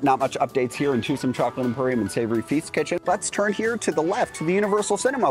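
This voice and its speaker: Man, vlog host, enthusiastic walkthrough narration, slightly high voice, very lively intonation, playful, faint music behind. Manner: animated, chatty, playful asides. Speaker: theme park vlogger, host.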